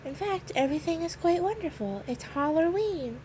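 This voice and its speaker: A woman voicing a silly, excitable male hatter who loves to holler, with playful drawn-out exclamations. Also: very high-pitched, a little hiss or hum, rough recording. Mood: jolly.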